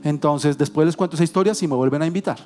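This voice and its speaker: A middle-aged pastor with a notably high voice preaches in church, weaving lively, self-mocking anecdotes into his sermon. He corrects himself mid-sentence and drops in quick jokes, and soft music sits faintly underneath. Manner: animated, humorous storytelling with self-corrections and jokes. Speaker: guest pastor. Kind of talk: sermon with personal storytelling.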